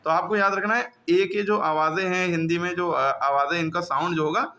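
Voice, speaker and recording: Bright-voiced male grammar teacher. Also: sits high, fairly even intonation, brisk. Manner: repetitive questioning of pupils. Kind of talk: classroom grammar lesson.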